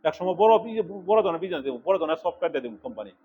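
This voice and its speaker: Fast-talking, scolding Bangladeshi instructor. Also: male voice, fairly high pitch, big pitch swings, highs cut off, a little hiss or hum. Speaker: computer course instructor. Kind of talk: classroom lecture.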